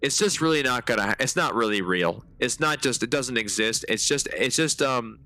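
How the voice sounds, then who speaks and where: A man streaming a game live, chatting with viewers in slangy, animated storytelling. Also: medium pitch, normal speed. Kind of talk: live gameplay commentary.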